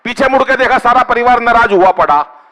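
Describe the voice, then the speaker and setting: A high, bright-voiced man performs stand-up comic poetry into a stage microphone. He banters with the crowd, teases people in the seats and keeps asking for claps. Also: expressive, brisk, in a large hall. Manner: bantering with the audience, asks for applause. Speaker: stand-up poet. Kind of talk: kavi sammelan comic poetry.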